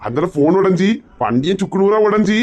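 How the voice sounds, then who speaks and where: A man's voice: sits high, animated, fairly quick, a little mellow. A man with a playing a sheepish husband in a comedy skit, rattling off excuses.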